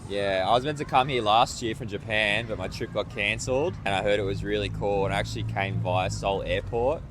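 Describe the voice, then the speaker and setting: A man's voice: fairly low pitch, fairly quick, noisy background. A man from Sydney, chatting casually in a street interview outdoors. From Australia. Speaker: tourist interviewee.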